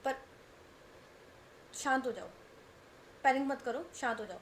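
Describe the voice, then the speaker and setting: A woman voicing a caring young woman who gently calms her panicked partner in a reassuring way. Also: high-pitched, unhurried, slight background noise. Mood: soothing. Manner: soothing, reassuring.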